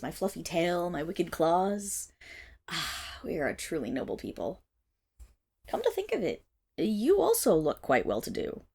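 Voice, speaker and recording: Speaking straight to the listener with disdain, a woman performs a proud, guarded young wolf monstergirl of noble blood, haughty and indignant, for a dramatic ASMR roleplay. Her exaggerated voice is fairly low, creaky, slightly rough, and a little mellow.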